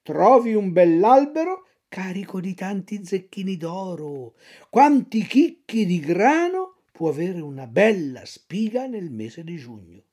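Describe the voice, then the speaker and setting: A woman's voice: fairly low pitch, big pitch swings, measured pace, dark tone. A woman doing a sly coaxing fox swindler. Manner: persuasive, coaxing, theatrical. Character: sly smooth-talking male fox swindler.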